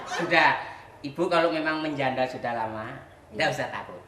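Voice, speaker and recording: A man's voice: mid-range voice, close to an everyday voice. A man playing a joking widowed father on a noisy stage. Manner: teasing, quick with jokes. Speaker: comic stage actor. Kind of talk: live stage comedy sketch. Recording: roomy, distant, noisy live stage.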